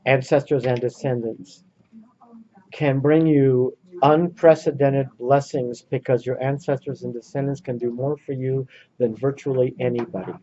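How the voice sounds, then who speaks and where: A man leading a workshop, telling a story to a small audience in an earnest, animated way. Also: mid-range voice, normal speed, slight background noise. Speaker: workshop leader. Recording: muffled lo-fi recording.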